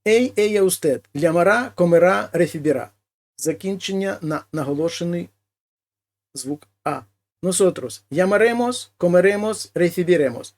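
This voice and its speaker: A man teaching a language lesson: he reads each example phrase, then translates it slowly and explains it. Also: high-pitched, animated, a little mellow. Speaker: Spanish teacher.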